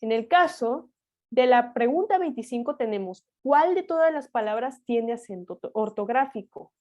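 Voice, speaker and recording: Mexican spanish woman tutor going through exam answers, kinda high voice, asks herself why and answers. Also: lively intonation, normal speed, darkish tone, highs cut off. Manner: explanatory, self-correcting, rhetorical questions. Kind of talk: exam-prep grammar lesson.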